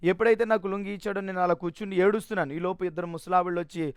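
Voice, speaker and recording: Fast, high-voiced man telling his testimony. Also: steady tone, clear, resonant tone, dry recording, studio quality. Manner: earnest, emotional retelling with quick restarts. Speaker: preacher giving his testimony. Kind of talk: personal testimony storytelling.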